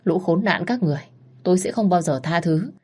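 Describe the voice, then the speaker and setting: A woman voicing a furious, protective middle-aged mother who shouts and scolds in a storybook reading. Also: on the low side, expressive, moderate pace.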